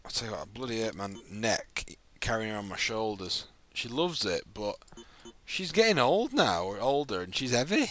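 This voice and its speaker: A man's voice: lowish voice, very animated, normal speed, a bit bright. A man in his thirties from England, tired and rambling in casual chat while streaming a video game live. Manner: tired, rambling, laid-back. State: sleepy. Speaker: gaming streamer.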